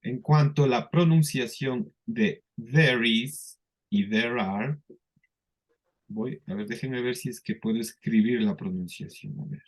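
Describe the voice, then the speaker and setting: Unhurried male teacher on an online class, drills pronunciation patiently. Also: mid-range voice. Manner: patient, repeats words slowly for students. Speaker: English teacher.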